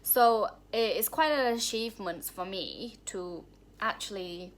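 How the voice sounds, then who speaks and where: At home in front of the camera, a Thai woman whose native language is Thai vlogs about her own life with heartfelt candor, drifting and beginning sentences again. She speaks at a medium pitch and a little slowly.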